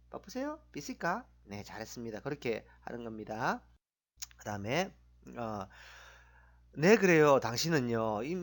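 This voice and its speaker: A middle-aged man teaches a language lesson with a lively, bouncing pitch. He drills short phrases and has listeners repeat them. His tone stays encouraging throughout. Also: vocal fry.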